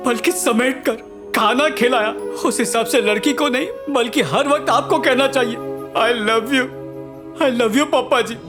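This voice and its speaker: An actor dubbing a heartbroken young man who pours out his feelings to his father with tears, heard over film music. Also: very high-pitched. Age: young adult. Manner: emotional, tearful confession. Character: heartbroken young man, tearful and self-pitying. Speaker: jobless son heartbroken in love. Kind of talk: Hindi film dub acting. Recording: film soundtrack with music under dialogue. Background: film score music.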